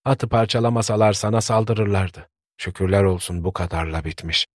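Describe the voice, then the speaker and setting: A man voicing a worried, gruff old village grandfather who scolds and frets. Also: fairly low pitch, moderate pace, no echo, studio quality, close to an everyday voice. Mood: soothing. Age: older. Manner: scolding, fretful.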